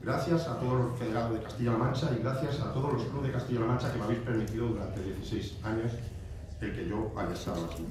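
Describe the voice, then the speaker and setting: A middle-aged man delivers an emotional farewell speech from a podium, his voice at an ordinary pitch. He was recorded from across a large stone banquet hall, so his voice rings with heavy echo. A steady hiss of noise sits under it. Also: fast talker, recorded from a distance. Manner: emotional, heartfelt, with repeated phrases and asides. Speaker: federation president giving a farewell speech. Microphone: podium microphone, recorded by a far camera. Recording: echoey hall recorded from afar, noisy.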